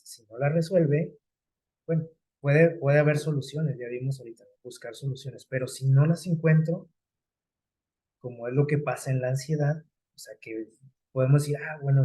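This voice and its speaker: Male preacher, husky conversational sermon delivery, slows down for scripture quotes. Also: medium pitch, fairly even intonation, mellow, rough recording. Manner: conversational, explains scripture with everyday examples and rhetorical questions.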